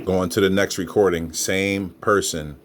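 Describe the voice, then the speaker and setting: A man's voice: sits low, steady tone, unhurried, noisy background. A man giving casual, emphatic commentary as a paranormal host, speaking straight to his listeners and repeating points for them. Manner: addresses listeners as folks, emphatic repetition. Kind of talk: casual commentary on EVP recordings.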